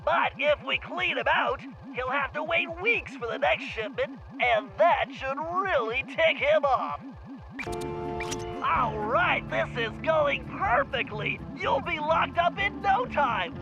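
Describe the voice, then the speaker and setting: A man's voice: very high voice, lively intonation, takes it slowly, highs cut off, full character voice. An actor playing a nerdy, eager male turtle planner in a game cutscene, briefing and making puns. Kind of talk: video game cutscene acting. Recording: game music underneath.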